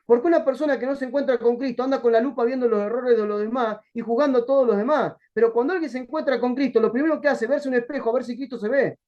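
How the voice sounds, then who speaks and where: A man with a Rioplatense accent, a pastor giving a colloquial, lively Bible study sermon and acting out bits of dialogue. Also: very high-pitched, quick pace, hardly any pauses. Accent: Rioplatense Spanish. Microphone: video call. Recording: dull lo-fi video call audio.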